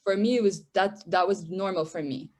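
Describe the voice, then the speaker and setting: On a podcast interview, a young Syrian woman whose first language is Arabic speaks a bit quickly in a medium-pitched, slightly mellow voice. She comes across as hesitant and often repeats herself.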